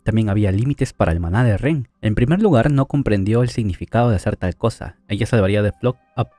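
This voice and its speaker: Chatty man retelling a story, mellow voice. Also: on the low side, expressive, quick pace, no room sound. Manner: chatty, adds asides and fillers. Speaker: anime story recap narrator. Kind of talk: casual story retelling with quoted dialogue.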